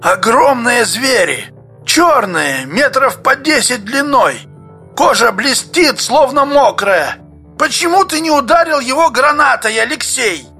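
A man voicing a feverish, excitable male geologist who talks high and agitated, often shouting. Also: unhurried, soft background music, exaggerated voice.

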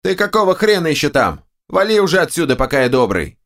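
Brief: shrill, creaky, quick-tempered ogre head, voiced by a man. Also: big pitch swings, fairly bright tone. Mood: angry. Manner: snarling, cursing. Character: foul-mouthed screechy male ogre head.

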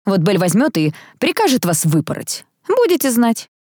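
A woman's voice: fairly high pitch, wildly swooping pitch, normal speed, darkish tone, slightly rough, no room sound, clean studio sound, voice pushed up, exaggerated voice. Bossy scolding aunt, read by a woman. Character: stern scolding aunt, middle-aged, bossy. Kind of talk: audiobook character voice.

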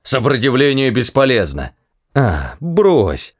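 A man voicing a quick-witted male alien hitchhiker for an audiobook, talking in a raised, quick, coaxing voice. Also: medium pitch, wildly swooping pitch, voice pushed up, heavily acted. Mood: scheming.

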